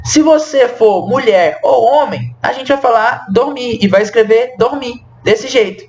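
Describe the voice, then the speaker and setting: Slow, high-voiced male French teacher. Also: a little mellow. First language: Portuguese. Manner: slow, repeats phrases, asks the viewer questions. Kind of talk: explaining a language lesson.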